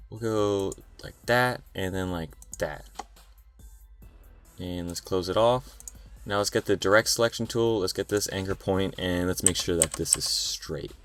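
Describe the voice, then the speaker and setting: A young man hosting a screen-recorded design tutorial, talking in a tired, relaxed, rambling way. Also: sits low, smooth. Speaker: tutorial host.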